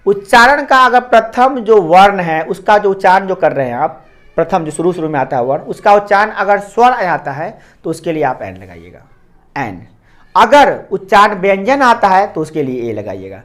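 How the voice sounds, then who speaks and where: A man's voice: high-pitched, big pitch swings, moderate pace, fairly bright tone. A man teaching grammar to a classroom of students. He explains patiently and goes over each point more than once. He stops often to ask whether the class has understood.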